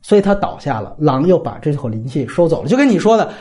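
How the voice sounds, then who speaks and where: A man hosting a casual film podcast, explaining his reading of a film at length. His pitch rises and falls in an animated way, and his voice has a dark, mellow timbre. He acts out quoted lines as he goes. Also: quick pace. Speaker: podcast host, film critic.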